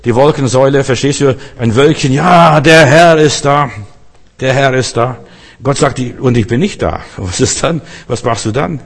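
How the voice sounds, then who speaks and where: A man preaching a sermon with a steady mid-range voice, talking to each listener directly and acting out the lines he quotes. His voice carries a long reverb, like a large hall. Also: medium pitch, moderate pace.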